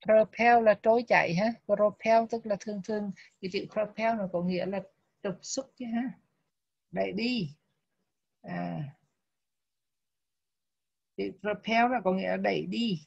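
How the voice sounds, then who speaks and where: A woman teaching a Buddhist text lesson, reading English terms and drilling their pronunciation slowly and deliberately. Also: mid-range voice, gravelly, a little mellow, breathy edge, no echo. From Vietnam. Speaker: Abhidhamma teacher. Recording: dull lo-fi, dry sound.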